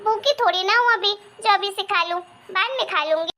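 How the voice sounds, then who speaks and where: A woman voicing a high, bright cartoon daughter. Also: moderate pace. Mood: insistent. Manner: eager, reassuring. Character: cheerful, loyal young married daughter. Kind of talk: animated cartoon voice acting.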